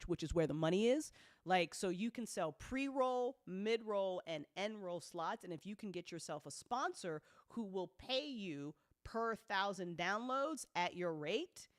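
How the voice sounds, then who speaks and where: Updating fans on her audio drama, a woman producer talks casually and spontaneously in a lowish voice. The recording is dry and studio quality, and she's frank, slangy, heavy on the swearing, and forceful when driving a point home.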